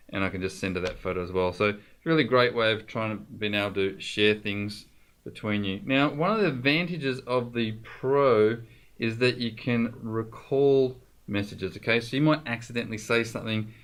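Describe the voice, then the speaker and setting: A man with a lowish voice presents an informal software tutorial, explaining things conversationally and directly to the viewer.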